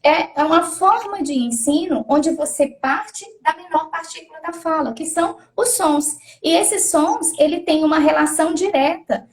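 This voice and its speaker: A woman's voice: sits high, normal speed, few pauses. A woman educator explaining reading methods in a thoughtful conversational way, often restarting and repeating words. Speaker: literacy educator.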